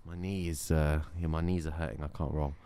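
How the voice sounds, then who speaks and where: A man's voice: a bass voice, steady tone, brisk, mellow, smooth. A man chatting casually as a podcast co-host, with a dry, joking, understated manner. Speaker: podcast co-host and jiu-jitsu practitioner. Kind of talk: casual chat.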